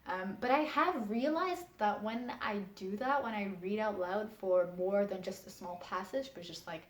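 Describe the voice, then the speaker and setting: A young Dutch book vlogger talks frankly to the camera from a room at home, answering a tag video in a casual way. She speaks English in a low register at a moderate pace, chatting, laughing often, and refusing some things emphatically. The room sounds echoey.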